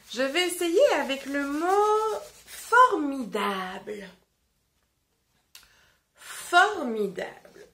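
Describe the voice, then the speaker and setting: A woman reading a storybook aloud to children and leading a phonics lesson, slow and clearly articulated. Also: medium pitch. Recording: roomy echo.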